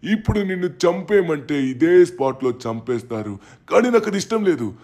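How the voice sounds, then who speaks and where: A man's voice: fairly high pitch, very animated, brisk, a little mellow. A man voicing a boastful alien male leader of chocolate bunnies in a gaming video story, gloating and barking orders.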